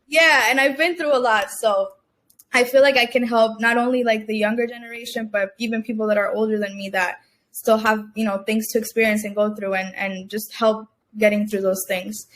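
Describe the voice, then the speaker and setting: Young woman from Cuba, interview guest, a little high-pitched, chatty with lots of fillers and restarts. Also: fairly even intonation, brisk, fairly bright tone. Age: young adult. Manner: chatty, many fillers and restarts, laughs often. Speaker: guest entrepreneur. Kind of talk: casual interview chat.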